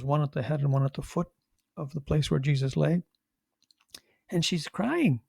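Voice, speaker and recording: An older priest delivers a homily in an easy, conversational way, often stumbling into restarts and dropping wry asides. His voice has a gravelly edge and sits a little high for a man. The recording is dry and close. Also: warm tone, no room sound. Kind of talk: homily reflection.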